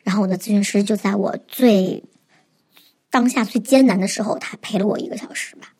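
A woman's voice: medium pitch, brisk, a little mellow, slightly rough. A woman in her twenties, speaking through a voice-changer, telling her own story frankly and sometimes dropping to a whisper. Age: 20s. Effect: voice-changer disguise. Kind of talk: candid personal storytelling.

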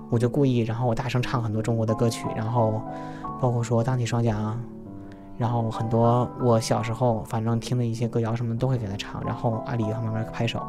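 Young guy from china, voice run through a changer, talks quick, plain, no polish, soft music under it. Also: mid-range voice. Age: 20s. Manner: plain, unpolished recounting. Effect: voice changer disguise. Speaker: storyteller. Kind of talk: first-person podcast storytelling.

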